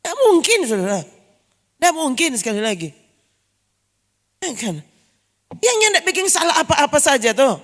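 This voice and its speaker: A woman's voice: high voice, very animated, normal speed, long pauses. A woman pastor preaching a sermon, emphatic and full of rhetorical questions. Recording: long church reverb.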